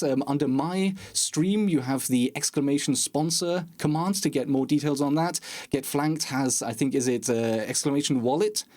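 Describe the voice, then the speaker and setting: Chatty podcast host. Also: male voice, mid-range voice, darkish tone. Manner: chatty, self-deprecating, sarcastic asides. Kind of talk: casual podcast chat.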